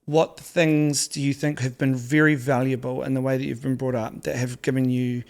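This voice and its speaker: Easygoing male podcast host, gravelly fry, quick to laugh, encouraging. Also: mid-range voice, little pitch movement. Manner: easygoing, supportive, laughs often. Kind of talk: casual interview chat.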